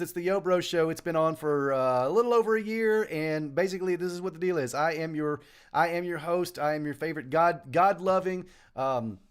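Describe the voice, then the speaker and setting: A man hosting a casual live morning stream from a small home studio, jokey and animated as he greets viewers by name. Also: a little high. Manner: animated, jokey, shouting out names.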